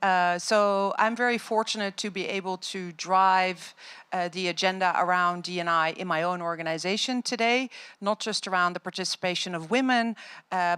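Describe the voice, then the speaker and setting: A woman executive speaking as a panelist in an earnest, measured, professional way. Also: on the low side, fairly bright tone, clear, resonant tone.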